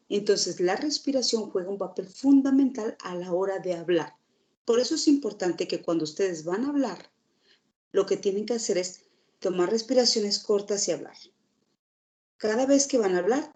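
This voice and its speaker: A woman's voice: mid-range voice, warm tone. A woman teacher giving a recorded lecture, explaining steadily and asking the class rhetorical questions.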